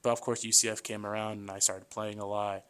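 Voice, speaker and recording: His voice is on the low side, clear and resonant, and he speaks fast. He's a man in his twenties guesting on a casual podcast, loose and talkative, tossing "man" at the host and acting out voices as he spins his stories.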